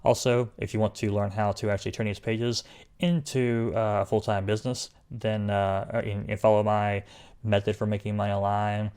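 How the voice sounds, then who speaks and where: A man hosting a casual screen-recorded software tutorial, talking loosely with lots of fillers and sounding like he is losing his voice. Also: fairly low pitch, level tone, normal speed, smooth. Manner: loose, rambling, many fillers. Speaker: online marketing tutorial host.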